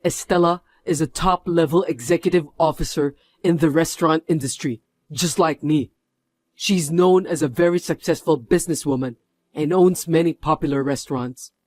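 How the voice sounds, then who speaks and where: Man doing a stern executive, firm, scolding, slightly high voice, dry close sound. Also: normal speed, a little mellow, dry recording, natural voice. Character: stern company executive husband, indignant. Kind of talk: dubbed drama dialogue.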